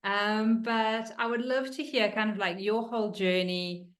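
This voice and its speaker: A woman's voice: medium pitch, steady tone, measured pace. Bubbly woman hosting an interview. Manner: bubbly and informal, many fillers like "like" and "um". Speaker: interview host. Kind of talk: casual interview chat.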